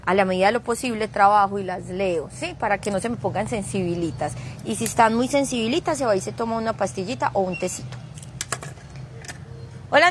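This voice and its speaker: A woman's voice: fairly high pitch, a bit bright, slight background noise. Fields: Sex: woman. Style: chatty live craft tutorial. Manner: chatty, teasing, adds playful sound effects. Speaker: craft instructor streaming live.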